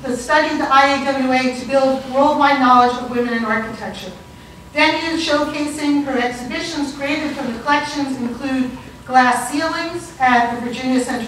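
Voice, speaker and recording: A woman's voice: high voice, a bit bright, slight background noise. A woman hosting a lecture, introducing the speakers with frequent ums and small restarts. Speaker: event host introducing speakers. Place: large echoey lecture hall. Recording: echoey hall, heard from a distance.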